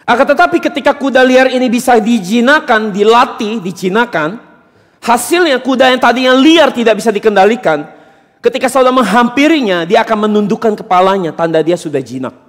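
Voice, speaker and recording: A man's voice: extremely high pitch, a little fast, a bit bright, in a large hall. A man preaching a sermon as pastor, questioning and teasing his congregation with emphatic points. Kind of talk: interactive sermon. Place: church hall during a service.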